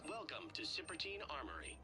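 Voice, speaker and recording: An actor voicing a male shop announcer over a public-address loudspeaker, giving a polite, even advertising message. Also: a little high, a little fast.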